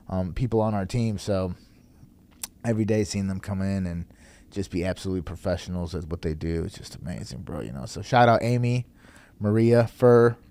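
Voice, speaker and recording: A man in his thirties, a company chief on a podcast, joking in a deadpan way with drawn-out pauses. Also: on the low side. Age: 30s. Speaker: podcast guest, company CEO. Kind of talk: casual podcast chat.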